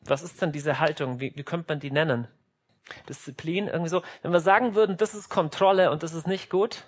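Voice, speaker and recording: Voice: mid-range voice, a little fast. A preacher delivering an emphatic sermon, teaching through everyday family examples and briefly acting out the scenes.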